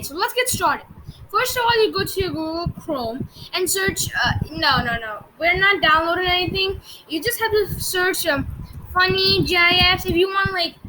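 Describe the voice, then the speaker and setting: A woman's voice: extremely high pitch, sharp tone, a little hiss or hum, low-quality recording. A woman hosting a casual tech tutorial, chatty and giggly, with many fillers. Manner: giggly, breaks into fits of laughter. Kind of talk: casual screen-recorded tutorial.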